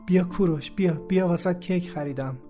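A man voicing a gently coaxing young cousin. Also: high-pitched, soft background music, close to an everyday voice.

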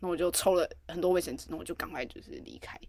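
Chatty podcast co-host, woman, dry close sound, rapid delivery. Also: on the low side, a little mellow, no room sound. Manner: quick, chatty, jumps in to add details. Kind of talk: casual chat.

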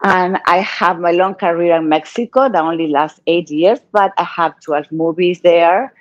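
An older woman from Argentina with a Spanish accent, telling her life story as a guest in a casual interview, in halting non-native English. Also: fairly low pitch, no room sound, dull audio. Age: 60s or older.

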